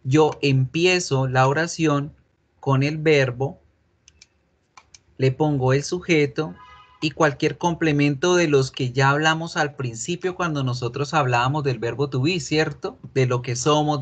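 A man's voice: mid-range voice, a bit bright. A man teaching English in an online class, explaining patiently and repeating examples.

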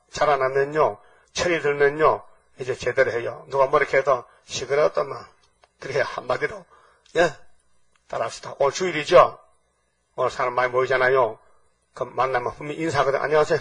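An older man preaching, his voice husky and a bit breathy. He talks emphatically and keeps tossing short rhetorical questions at the congregation. He sounds a little far from the microphone. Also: medium pitch, a bit bright. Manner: emphatic, peppers talk with rhetorical checks to the congregation. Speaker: pastor. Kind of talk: sermon. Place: church sanctuary. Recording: voice from far off the mic.

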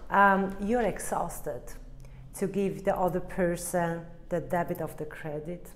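A woman's voice: fairly low pitch, steady tone, measured pace. Rambling woman doing a tarot reading. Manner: rambling, searches for words, laughs at herself. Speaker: tarot reader.

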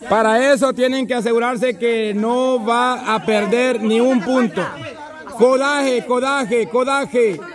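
A man running an outdoor rope-crossing contest, giving brisk commands and repeating his calls. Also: extremely high pitch, a crowd in the background. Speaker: event organizer calling a rope-crossing contest. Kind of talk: live instructions to teams outdoors.

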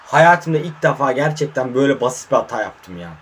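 A man commentating his own mobile football match, muttering in frustration and breaking into sudden excited outbursts, hot and sweating in a warm room. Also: medium pitch, brisk, slight background noise. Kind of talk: casual live gameplay commentary.

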